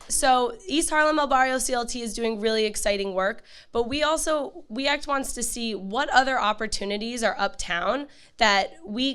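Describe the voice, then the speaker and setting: A hoarse woman speaking to a community meeting as a campaign manager. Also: fairly high pitch, fairly bright tone. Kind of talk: prepared community meeting talk.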